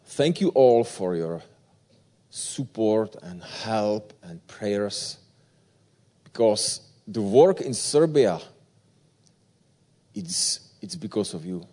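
Slow, mellow guest pastor. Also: male voice, on the low side, animated. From Czech Republic. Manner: courteous, grateful, simple phrasing. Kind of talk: sermon.

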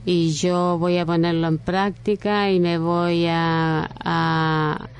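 A woman preaching a sermon at an unhurried pace, her voice smooth and clear. She speaks earnestly, in a low, fairly even tone, pausing and restarting as she works through her thoughts. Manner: slow, earnest, with frequent restarts and pauses.

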